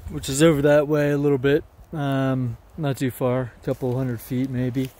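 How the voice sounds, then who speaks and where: A man's voice: medium pitch, flat delivery, moderate pace, dark tone, a little hiss or hum. A man vlogging casually on a forest trail, rambling with many fillers. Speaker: thru-hiker vlogger.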